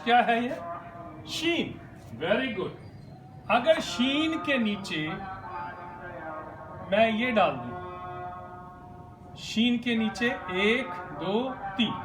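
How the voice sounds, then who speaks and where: A man, a pastor, teaching a language lesson, explaining each sound slowly and repeating it patiently while quizzing his viewers. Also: very high-pitched, a bit bright. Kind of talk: slow classroom explanation. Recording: echoey room with faint ambient noise.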